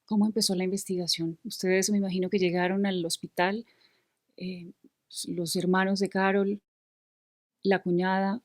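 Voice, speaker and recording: A woman hosting a TV interview, speaking in a measured, serious way. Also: mid-range voice, flat delivery, dry recording, clean studio sound. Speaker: interviewer host. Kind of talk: TV interview with news-style introduction.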